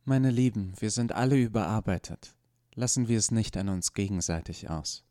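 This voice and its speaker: A man's voice: lowish voice, moderate pace, mellow, dry recording, clean studio sound, close to an everyday voice. A man reading the part of a composed, diplomatic woman professor with a formal, soothing manner.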